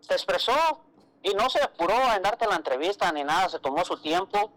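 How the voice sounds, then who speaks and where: A man's voice: sits high, sing-song, a little fast, a bit bright, rough recording. A man co-hosting a radio show, telling a story in a casual chatty way and quoting others. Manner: storytelling, quotes others, calls co-host "güerita". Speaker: radio co-host.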